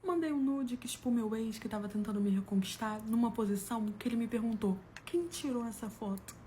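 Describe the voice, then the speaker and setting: A woman's voice: fairly high pitch, fairly quick, slight background noise. A woman from Brazil telling comic personal stories in a casual way, laughing and acting out what people said. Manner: animated, laughs at her own story, acts out quotes. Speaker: storyteller.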